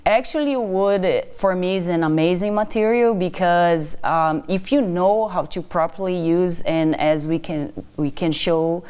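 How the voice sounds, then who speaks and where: A woman from Brazil speaks with a Brazilian Portuguese accent, her voice smooth and clear, sitting somewhat low. She explains her work in a measured way, often pausing on "um" and "so". She sounds like a professor in her thirties answering an interview. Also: darkish tone. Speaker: assistant professor, guest.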